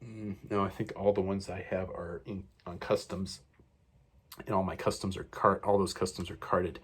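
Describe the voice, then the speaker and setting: A man's voice: low-pitched, level tone, moderate pace, fairly bright tone, husky. A man casually reviewing action figures while he unboxes them, rambling along with many fillers and self-corrections. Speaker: toy reviewer.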